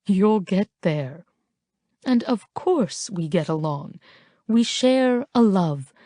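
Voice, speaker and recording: A woman putting on a worldly Frenchwoman, slow and mellow. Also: medium pitch, animated, no echo. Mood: teasing.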